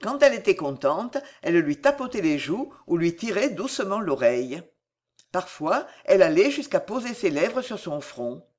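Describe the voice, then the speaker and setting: Expressive audiobook narrator. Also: medium pitch, normal speed. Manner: dramatic, expressive reading of a period novel.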